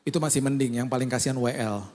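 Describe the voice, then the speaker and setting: A man's voice: mid-range voice, fairly even intonation, fast talker, darkish tone. A male pastor, preaching a humorous sermon full of acted-out anecdotes and casual slang. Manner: casual Jakarta slang, joking storyteller.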